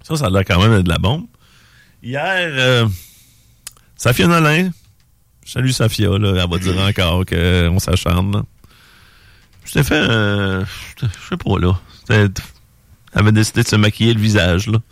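A man's voice: lowish voice, moderate pace, long pauses, dry recording, clean studio sound. A middle-aged man with a Québécois accent hosting a casual chat, rambling and hesitant with lots of fillers. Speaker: podcast host.

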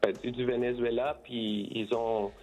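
A man's voice: medium pitch, flat delivery, measured pace, darkish tone. A man who grew up in Costa Rica, a band member giving a casual radio interview, hesitant, with many restarts, moving between French and Spanish.

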